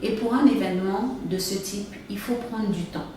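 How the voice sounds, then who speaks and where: A woman from Cameroon, an event organizer, answering interview questions in a measured, explanatory way. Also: medium pitch, dark tone. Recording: echoey room, far from mic, faint noise.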